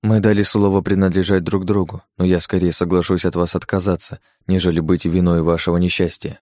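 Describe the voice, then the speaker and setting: A man's voice: deep voice, level tone, brisk, a little mellow, close to an everyday voice. A man voicing a tender, easily frightened young woman in an audiobook, with a pleading, tremulous delivery.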